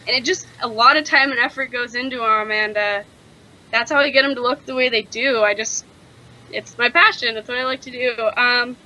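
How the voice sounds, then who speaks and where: A woman's voice: fairly high pitch, steady tone, fairly quick, bright, forceful tone, low-quality recording. A young woman co-hosting a casual podcast, explaining her craft projects in an easygoing way with many ums. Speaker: podcast co-host.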